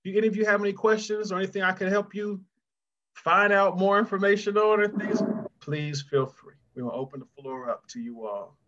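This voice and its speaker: A middle-aged man joins a video call as a guest author, speaking in a high, fairly bright voice that runs a little fast. He chats encouragingly with the children and calls them by name in a conversational question-and-answer session. The call audio is dull and muffled.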